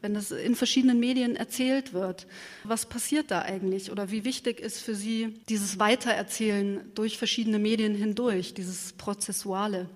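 A woman moderates an interview in a mid-range voice, steady in tone and moderate in pace. Her questions are long, articulate and considered, prepared beforehand but spoken live with some hesitation. The recording carries a long hall reverb.

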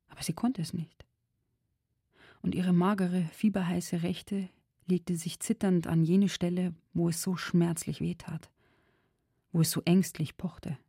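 A woman narrating a story in a steady, measured audiobook reading. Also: on the low side, creaky, breathy edge, dry recording, studio quality.

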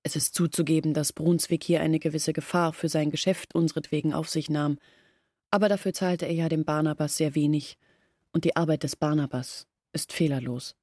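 In a literary radio drama monologue, an actress plays a poor village woman confessing her family's hopeless decline, sober and burdened. Her low, steady, brisk and slightly mellow voice is recorded dry with clean studio sound.

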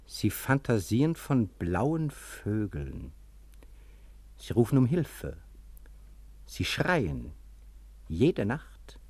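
A condescending asylum doctor. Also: male voice, fairly low pitch, sing-song, very slow, long pauses, darkish tone, husky, no room sound, heavily acted. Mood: probing. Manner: lecturing, dismissive, commanding. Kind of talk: German radio play acting.

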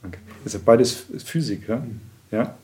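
A man visiting for an interview and chatting casually, apologetic and quick to laugh. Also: mid-range voice, expressive, darkish tone, slightly rough. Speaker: podcast host on a visit. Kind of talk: casual chat.

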